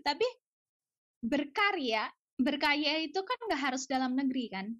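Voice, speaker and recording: Speaking as an interview guest on a podcast, an outspoken Indonesian researcher based in Japan chats casually and forcefully, using rhetorical questions and a few English phrases. Her high voice is expressive, a bit bright and at normal speed, captured cleanly in a studio with no echo.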